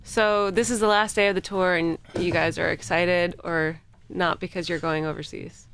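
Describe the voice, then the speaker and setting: A woman's voice: on the low side, fairly even intonation, normal speed, a bit bright, clear, resonant tone. Upbeat woman radio host. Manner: upbeat, lots of short affirmations. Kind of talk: radio interview.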